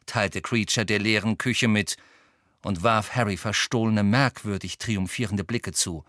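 A man reading an audiobook in measured, even scripted narration. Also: on the low side, dry recording, studio quality.

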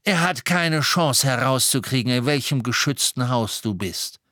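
A man voicing a calm, kindly middle-aged wizard father who reassures. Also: mid-range voice, normal speed, no echo, studio quality, pitched above the performer's own voice. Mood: reassuring.

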